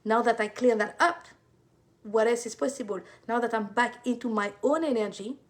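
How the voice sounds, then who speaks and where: A woman's voice: on the high side, normal speed. Chatty French-accented woman coach. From France. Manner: chatty, many fillers and repeated words. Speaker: intuitive life coach. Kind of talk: casual talk to viewers.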